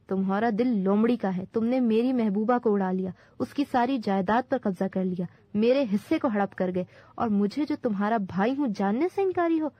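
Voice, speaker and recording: A woman's voice: mid-range voice, hardly any pauses, warm tone, dry recording, natural voice. A woman voicing a grown male soldier who speaks with passion and dignity. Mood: defiant. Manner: passionate, proud. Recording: dull dry recording.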